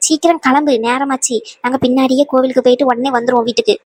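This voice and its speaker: A woman's voice: high voice, steady tone, fast talker, a little mellow, dry recording. A woman voicing a wise old grandmother in a cartoon, scolding and advising by turns. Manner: scolding yet soothing, full of advice. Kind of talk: cartoon voice acting.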